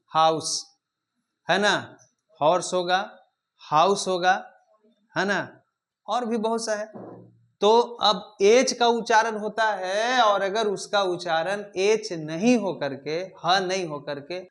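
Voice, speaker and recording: A male English teacher leads a classroom grammar lesson in a high, lifted voice. He keeps firing questions at the students and repeats his prompts until they answer. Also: fairly bright tone.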